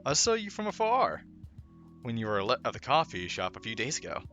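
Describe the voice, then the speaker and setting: A man's voice: mid-range voice, wildly swooping pitch, a little fast, a bit bright, muffled recording, faint music behind. A man voicing a friendly, talkative young woman who is a café regular in a game. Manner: friendly, forward questions.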